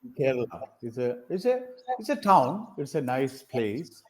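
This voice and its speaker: A man's voice: mid-range voice, sing-song, moderate pace. A man from India, tutoring on a video call, encouraging and rattling off example sentences. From South India. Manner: encouraging, repeats phrases and gives many example sentences. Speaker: English tutor. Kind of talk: conversational English practice session.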